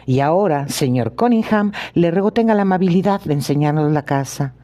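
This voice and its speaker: A polite, sharp-minded detective asks his questions in an even, measured way, read by a man. The voice sits a little high yet sounds mellow and warm, and every detail is weighed in this audiobook reading. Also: natural voice. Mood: calm probing. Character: sharp, precise male detective, calmly probing.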